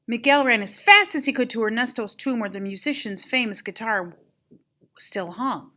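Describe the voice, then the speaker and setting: Bright-voiced grandmother reading a storybook. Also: fairly high pitch, normal speed. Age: older. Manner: animated, dramatic emphasis on exclamations and key moments. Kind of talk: expressive children's storybook read-aloud.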